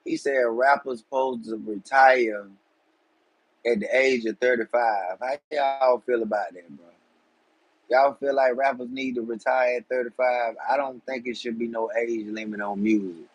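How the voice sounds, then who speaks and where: A man's voice: medium pitch, dry recording, rough recording. A man, hosting a casual live stream and chatting loosely with viewers in streetwise slang. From Georgia, USA. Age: 40s. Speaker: livestream host.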